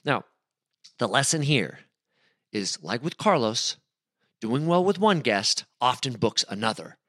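A man hosting a podcast, narrating an introduction with lively enthusiasm. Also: medium pitch, a little slow, no echo, clean studio sound. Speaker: podcast host. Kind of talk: scripted narration.

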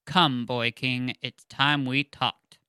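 A man's voice: mid-range voice, level tone, slow pace, sharp tone, clean tone, no room sound, studio quality. A man reading as a teasing ancient dragon-saint. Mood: amused. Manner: read aloud plainly from a novel.

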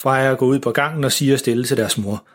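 A man narrating a children's story in an even, gentle way, with a husky voice. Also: medium pitch.

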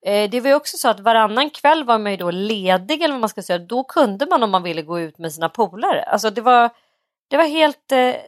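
A woman's voice: a little high, animated, no room sound. Woman, 30s, podcast co-host; chatty, cursing storyteller, dry voice. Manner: swears freely, storytelling with acted quotes. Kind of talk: casual chat.

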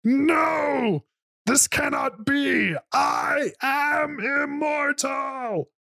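A man's voice: very high voice, very slow, gravelly, pushed and bright, no echo, studio quality, voice pushed up, exaggerated voice. A man voicing a boastful, arrogant male dragon villain with grandiose, declaiming speech. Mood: anguished.

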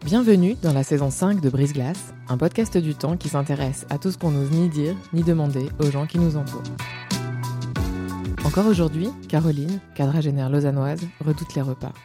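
A woman hosting a podcast, reading a measured scripted intro and asking interview questions. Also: low-pitched, over music. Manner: clear, measured, announcer-like delivery.

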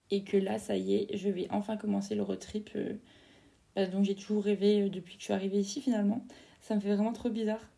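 A young French woman chats through her solo podcast, rambling along with fillers and quick self-corrections. Her voice is mellow and gravelly, and she keeps a flat, even tone. She talks like she is catching up with a friend. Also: medium pitch. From France. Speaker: podcast host. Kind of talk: casual solo podcast monologue.

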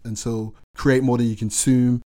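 A man's voice: mid-range voice, flat delivery, moderate pace, dark tone. A man, an actor and writer, speaking as a guest in a casual podcast interview, earnest and emphatic, repeating phrases for stress.

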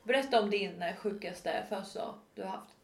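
A woman's voice: medium pitch, gravelly, reverberant. A woman in her twenties, swearing freely and acting out quotes as she tells a story in casual chat. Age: 20s. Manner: animated, swearing, acts out quotes.

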